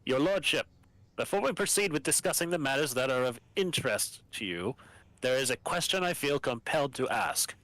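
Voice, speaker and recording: Man voicing a stern, formal military governor, bright voice. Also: medium pitch, lively intonation, brisk, dry recording, voice pushed up, rough recording. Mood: curt, formal. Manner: curt, formal, commanding.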